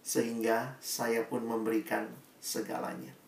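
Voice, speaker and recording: A male pastor preaching a sermon, mixing in English phrases and acting out quotes in a high pleading voice. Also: little pitch movement, unhurried, gravelly, reverberant, recorded from a distance, a little hiss or hum.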